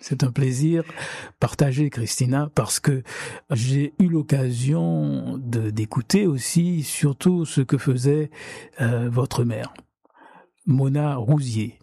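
Mellow, husky male interviewer. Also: mid-range voice, takes it slowly. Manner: hesitant, roundabout phrasing. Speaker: radio interviewer.

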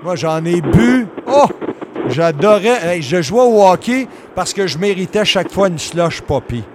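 Lively high-voiced Québécois radio host. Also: male voice, measured pace, noisy background. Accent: Québécois French. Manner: lively and playful, laughs easily. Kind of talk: casual radio chat. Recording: music playing behind.

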